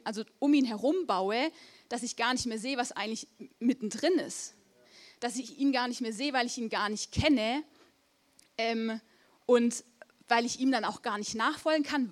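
Young woman giving a sermon, kinda high voice, earnest and punchy, super casual wording. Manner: earnest, emphatic, casual speech with repeated "hey". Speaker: preacher.

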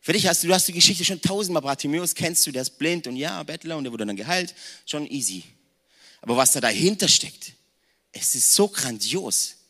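Pastor guy around 40 preaching, chatty and direct with the crowd, bright clear voice. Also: fairly high pitch, animated, fairly quick. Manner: conversational, addresses the congregation directly, mixes in English slang words. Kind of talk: lively sermon.

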